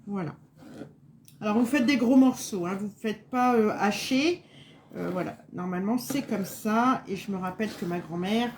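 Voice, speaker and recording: A woman's voice: fairly high pitch, background noise. A woman presenting a recipe in a casual live cooking chat, rambling with many fillers, tired and on edge after a bad night. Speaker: home cook presenting a recipe.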